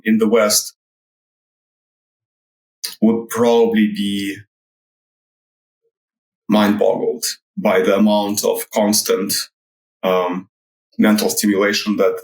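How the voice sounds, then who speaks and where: A man from Russia, a guest in an interview, talking slowly and hesitantly with many fillers and a dry wit. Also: lowish voice, roomy sound, poor audio. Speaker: guest, writer. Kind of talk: casual interview talk. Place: Toronto.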